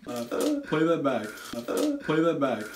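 A man's voice: on the high side, huge pitch swings, takes it slowly. Teasing young man in an echoey room. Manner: playful teasing banter. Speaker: co-host. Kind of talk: casual chat. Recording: echoey room, distant mic, faint hiss.

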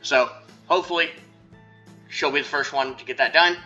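Laid-back guy hosting a game channel, really bright voice, dull lo-fi sound with faint music. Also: a little high, moderate pace. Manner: relaxed, with frequent "uh" fillers. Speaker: host of a gaming channel. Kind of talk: casual gameplay chat.

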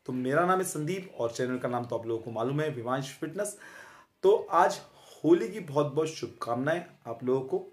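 A fitness vlogger in his thirties chats to camera in a friendly, casual way, often pausing with filler sounds and tag questions. His voice is mid-range and animated. He's recorded on a phone held close in a small room.

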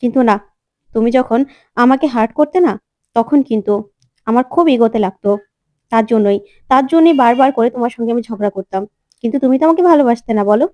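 Storybook young husband, firm and insistent, read by a woman; high voice. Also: fast talker, pauses often, no echo, dull audio, natural voice. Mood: pleading. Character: young man, a new husband, stubborn and protective.

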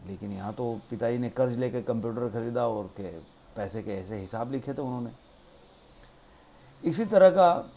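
A man telling a moral story in a plain, conversational way, with pauses, as host of his own channel. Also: fairly low pitch, creaky, warm tone, a little hiss or hum.

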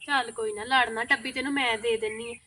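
A woman with a Punjabi accent lectures in a high, quick voice, reasoning and scolding without pause. Faint background noise sits under her lines. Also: steady tone. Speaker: actor in a village short film. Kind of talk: rural Punjabi short-film acting.

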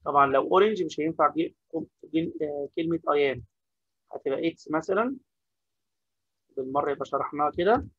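Fast-talking Egyptian teacher, husky voice. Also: male voice, a little high, animated, a bit bright, no room sound, highs cut off. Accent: Egyptian Arabic. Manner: repeats key points, asks and answers questions himself. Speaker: English teacher. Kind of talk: classroom-style lesson explaining grammar.

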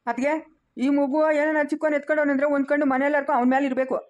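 A woman's voice: high-pitched, level tone, rapid-fire, natural voice. A woman playing a stern village elder who scolds the household, in a rural Chikkaballapur Kannada accent. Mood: lecturing. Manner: sharp, scolding. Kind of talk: village family skit.

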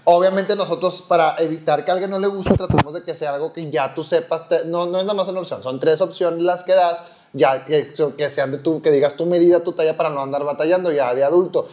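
High-voiced Mexican man, patient. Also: steady tone, quick pace, a little hiss or hum. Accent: Mexican Spanish. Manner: reasoning, patient, gently contradicting. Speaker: podcast co-host. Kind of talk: casual chat.

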